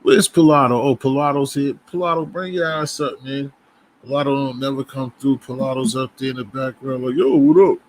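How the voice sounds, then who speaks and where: A Boston man with a Boston accent hosts a casual livestream, greeting viewers and shooting the breeze in loose talk full of restarts. His medium-pitched voice is brisk with fairly even intonation, and the recording is rough.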